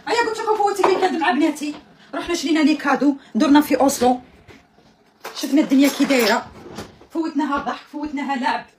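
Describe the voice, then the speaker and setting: An Algerian woman streams live to her viewers, her high voice racing along at breakneck speed. She chats casually, joking and griping by turns, with a faint noise underneath. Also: racing. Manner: chatty, exasperated and joking with viewers.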